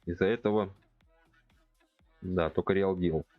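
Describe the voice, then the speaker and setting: A man's voice: deep voice, steady tone, measured pace, no echo, phone-quality sound, soft background music. A man in his forties chatting casually with viewers as he plays, thinking aloud and speaking to his chat directly. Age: 40s. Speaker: game streamer. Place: home room at a computer.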